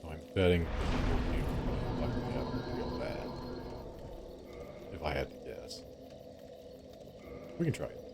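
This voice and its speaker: A man's voice: a bass voice, sing-song, a little slow, long pauses, heavy background noise. A man streaming a game live, chatting with his viewers in a rambling, joking way over game music. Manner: rambling, chatty with chat, jokey. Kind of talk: live gameplay commentary.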